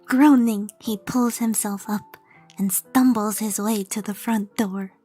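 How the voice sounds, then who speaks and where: A woman's voice: mid-range voice, fairly even intonation, a little slow, mellow, breathy edge, faint music behind. A woman VTuber reading comedic fan fiction aloud, stumbling over lines and correcting herself. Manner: stumbling, self-correcting, laughing reader.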